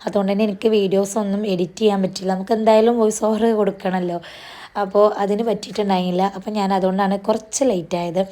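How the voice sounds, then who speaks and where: Her mid-range, mellow voice barely moves in pitch as she narrates her shopping vlog. She chats quickly, dropping tag particles here and there, and a slight strain lingers from having lost her voice.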